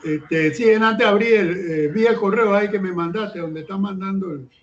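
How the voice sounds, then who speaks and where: A man on a casual video call who talks loudly by habit and sounds far from the mic, like a phone held away. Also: sits high, normal speed. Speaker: meeting participant. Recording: dull lo-fi video call audio.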